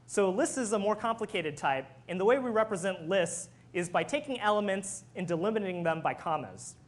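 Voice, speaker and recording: Engineer presenting, sex open: mid-pitched, explanatory, walks listeners through step by step. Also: lively intonation, brisk. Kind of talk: technical presentation.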